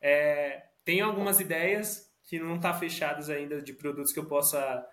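A man's voice: on the high side, moderate pace, a bit bright. A Brazilian man speaking as a podcast guest in a casual, reflective conversational way. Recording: roomy echo.

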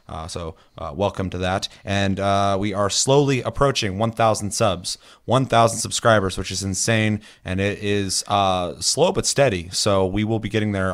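Hungover dude hosting a gaming podcast, lowish voice, jokey n sweary, kinda struggling w words. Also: male voice. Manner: sweary, joking. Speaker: podcast host. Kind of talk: casual gaming podcast chat.

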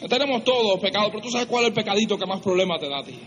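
A man preaching a sermon who acts out pleading prayers in a higher voice and drops low and slow to drive points home. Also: lively intonation, fairly bright tone, big-room sound, a little hiss or hum. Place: church.

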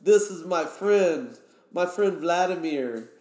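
A man's voice: high voice, animated, slow, darkish tone, voice pushed up. A man putting on a teasing Russian rafting buddy. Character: boisterous Russian man, jokey and friendly. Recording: roomy echo.

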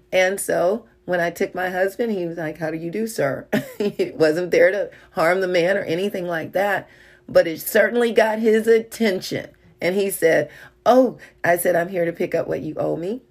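Middle-aged woman giving a chatty devotional talk, deep voice with lots of fry, lots of uh and you know. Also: a little mellow. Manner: conversational, many fillers, tells personal stories.

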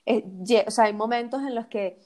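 Venezuelan-accented woman, slightly high voice, lively storyteller in casual chat. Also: moderate pace. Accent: Venezuelan Spanish. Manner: animated storyteller, many fillers and restarts.

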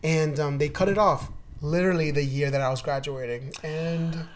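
A man in his twenties co-hosting a podcast, casual and blunt with quick playful reactions. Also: a little high, fairly even intonation, a little hiss or hum. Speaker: podcast co-host. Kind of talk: casual chat. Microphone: podcast studio mic.

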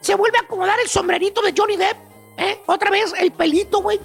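Man, radio comedy host, slangy, mocking, very high-pitched, music behind. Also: steady tone, quick pace, vocal fry, fairly bright tone. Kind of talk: comic storytelling.

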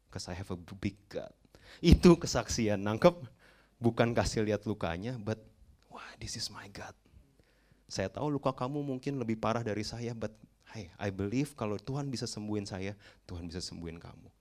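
A young adult male preacher giving a lively sermon, often asking his listeners questions and dropping English phrases into his talk. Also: lowish voice, a little fast.

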